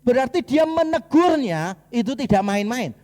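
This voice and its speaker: A man's voice: very high voice, sing-song, normal speed, darkish tone. A man preaching a sermon as pastor, conversational and humorous, acting out little asides as he goes. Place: church hall. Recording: long hall reverb.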